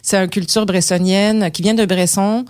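A woman's voice: mid-range voice, fairly even intonation, normal speed, darkish tone. A woman with a Quebec French accent, a guest in an interview, talking casually with many fillers, restarts and digressions. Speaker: actress and director, guest.

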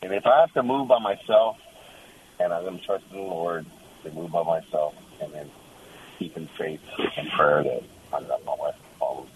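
A man calling in over a phone line, talking in a halting way with frequent restarts. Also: sits low, noisy background. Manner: halting, restarts often, chuckles. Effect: heard over a phone line. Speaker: caller. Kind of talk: casual call-in chat.

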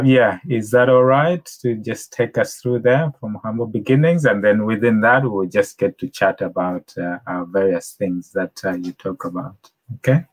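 A man hosting an interview, asking questions in a rambling, hesitant way full of fillers. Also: on the low side. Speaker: podcast host.

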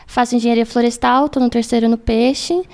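Gravelly-voiced young woman student. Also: a little high, steady tone, a little fast, darkish tone. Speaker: student association president.

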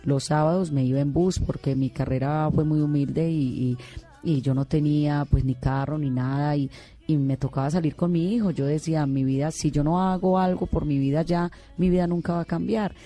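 Earnest Colombian woman singer, low voice. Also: steady tone, moderate pace, warm tone, faint music behind. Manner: earnest, heartfelt, many restarts. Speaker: singer being interviewed. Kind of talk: emotional personal storytelling.

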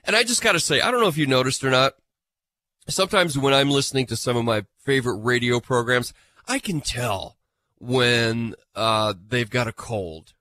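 A man's voice: medium pitch, moderate pace, sharp tone, dry recording. Stuffy-nosed radio host man, chatty. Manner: chatty, self-mocking. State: nasal from a cold. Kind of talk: live farm radio show.

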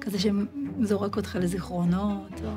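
A woman comedian telling comic army stories in a lively way, acting out shouted drill calls. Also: medium pitch, over music. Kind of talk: comic storytelling.

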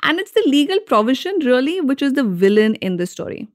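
A woman's voice: sits high, very animated, fairly quick, no echo, studio quality. A woman with an Indian accent hosting a podcast, narrating scripted explanations in a conversational way with wry asides and rhetorical questions. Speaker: podcast host.

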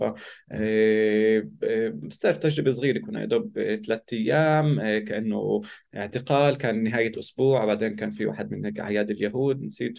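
Male, Palestinian Levantine Arabic accent, mid-range voice, quick pace, casual storytelling, interview guest. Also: mid-range voice, darkish tone. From Palestinian from Israel.

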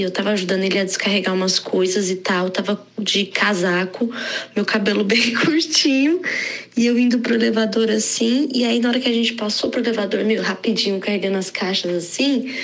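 A woman's voice: mid-range voice, a bit bright. A woman telling an embarrassing personal story in a casual audio message, laughing now and then. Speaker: listener sending an audio story.

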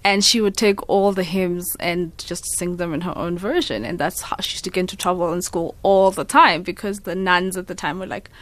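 A young woman born in Zambia, a guest in an interview, telling family stories earnestly and often answering with a quick yes. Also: on the low side, fairly even intonation. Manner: storytelling, earnest, affirming with frequent yeses. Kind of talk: casual interview conversation.

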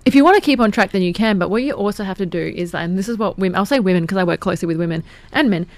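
A woman's voice: medium pitch, animated, racing, no room sound. A woman, a fitness trainer in a radio interview, upbeat and laughing often.

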